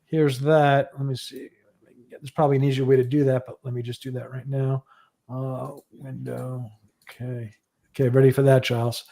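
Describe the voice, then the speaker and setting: A man's voice: medium pitch, flat delivery, normal speed, gravelly, warm tone. A man hosting a livestream show, giving audio news in a loose, rambling casual chat.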